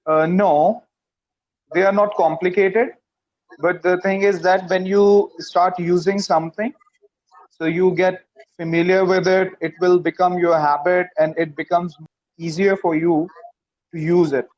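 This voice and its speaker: A man's voice: sits high, little pitch movement, measured pace, a little mellow. Hesitant man from Pakistan, muffled call. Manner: hesitant, many fillers and restarts. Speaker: student. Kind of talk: online English practice conversation.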